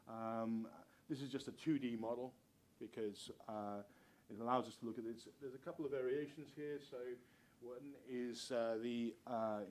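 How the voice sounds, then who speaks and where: A middle-aged man who is a university researcher, giving a conference presentation in an informal, hesitant, halting way. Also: mid-range voice, a little mellow, a little hiss or hum. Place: lecture room with seated audience.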